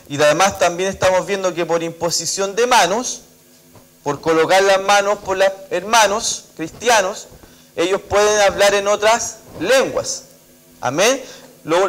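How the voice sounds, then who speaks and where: A Chilean man preaches at a church service in a high, light voice. He reads scripture aloud and acts out the dialogue between the figures, with a steady stream of "amén" between his points. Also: poor audio. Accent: Chilean Spanish. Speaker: pastor. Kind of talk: sermon.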